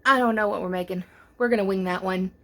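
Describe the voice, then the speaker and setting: A woman's voice: mid-range voice, steady tone, fast. A young woman hosting a home cooking vlog, chatty and enthusiastic as she taste-tests her baking. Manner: chatty and enthusiastic, talks while chewing. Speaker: food vlogger. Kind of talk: casual cooking demo and taste test.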